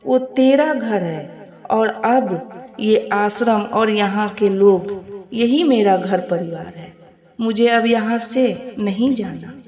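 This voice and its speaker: A woman voicing a gentle elderly mother, soft but firm. The recording is echoey and slightly muffled. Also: mid-range voice, takes it slowly, recorded from a distance, lightly acted. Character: gentle elderly mother in an old-age home.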